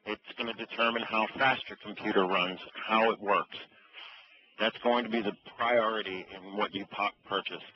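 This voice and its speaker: A man with a fairly low voice gives customer-service explanations by phone. He is matter-of-fact and instructive, and the line is dull with some faint noise. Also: steady tone, normal speed. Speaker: electronics store employee. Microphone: telephone.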